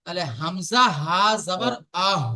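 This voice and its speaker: A man's voice: sits high, unhurried, sharp tone. A man patiently teaching Arabic letter sounds in an online lesson, repeating and drilling each sound aloud.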